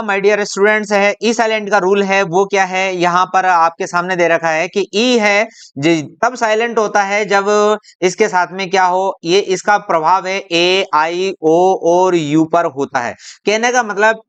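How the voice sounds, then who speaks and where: A teacher explaining a lesson in a patient, repetitive way. The teacher poses questions to the viewer, answers them, and draws out example words slowly. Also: medium pitch, a bit bright, clear, resonant tone. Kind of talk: classroom-style explainer video.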